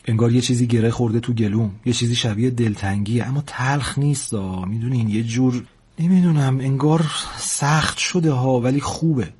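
A man's voice: medium pitch, fairly even intonation, a little mellow, husky, lightly acted. A man doing a hesitant lovesick young sailor. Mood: unsure. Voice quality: hesitant, stumbling. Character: shy young male sailor, unsure and lovesick. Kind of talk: storybook character voice.

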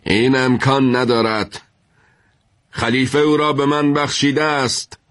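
A man voicing a furious, proud male army general who shouts in wrath, in a told story. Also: medium pitch, flat delivery, pitched above the performer's own voice, lightly acted. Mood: stern.

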